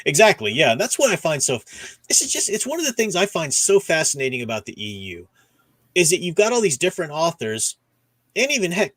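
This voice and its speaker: In a medium-pitched, slightly bright voice with no room sound, a man hosts a livestream about books. His tone is casual as he reads out viewers' comments, often wandering into enthusiastic, rambling fan commentary.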